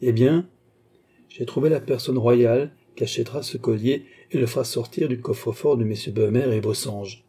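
A man voicing a cold, haughty Portuguese male schemer in an audiobook, raised in pitch and delivered with icy self-importance. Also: moderate pace, mellow, breathy edge.

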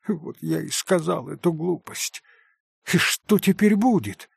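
An earnest young man speaks quietly and with remorse, as a male audiobook reader voices him. His tone is soft and somewhat husky. The recording is dry and close. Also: a little high, lively intonation, unhurried, no echo, voice pushed up, heavily acted. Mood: remorseful. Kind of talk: audiobook character reading.

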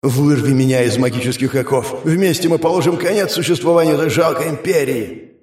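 A man's voice: a little high, brisk, darkish tone, pitched above the performer's own voice. A man voicing a bloodthirsty, scornful male demon spirit trapped in a weapon, with a growling, commanding way of talking and an echoing demonic effect on the voice. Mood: eager. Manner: growling, commanding, pleading for release. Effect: demonic voice with echoing reverb. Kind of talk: audiobook reading. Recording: echoey reverb effect.

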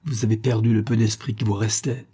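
A man reading an audiobook, voicing a furious aging emperor who shouts insults in a rough, raucous voice. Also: lowish voice, level tone, a little fast. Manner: shouting insults in a rising fury. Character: furious aging male emperor, harsh and scornful. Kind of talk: audiobook character voice.

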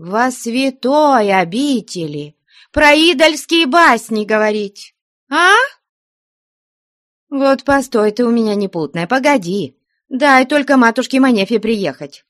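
A woman voicing a good-natured older nun who scolds the convent girls in a high, indignant voice. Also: sing-song, unhurried, darkish tone, no echo, clean studio sound. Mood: furious. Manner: scolding, shrill, scandalized.

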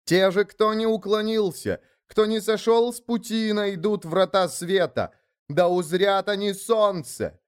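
A man's voice: a little high, expressive, normal speed, darkish tone, pitched above the performer's own voice, lightly acted. A man voicing a stubborn, humble male shaman who chants in a ringing voice in a storybook reading. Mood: chanting.

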